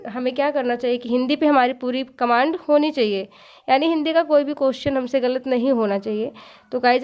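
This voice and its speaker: A woman with a high voice explains a lesson step by step. She keeps asking rhetorical questions and answers them herself, repeating each point. The recording sounds dull and lo-fi. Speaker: teacher.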